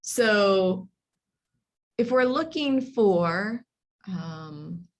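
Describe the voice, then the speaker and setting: A woman's voice: medium pitch, expressive, very slow. A woman teaching an online writing workshop, explaining step by step with frequent ums and restarts. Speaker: library workshop instructor. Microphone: video call.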